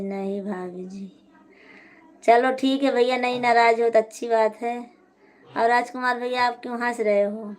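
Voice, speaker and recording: A woman hosting a casual live stream from home, chatting and answering viewers' comments one by one. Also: mid-range voice.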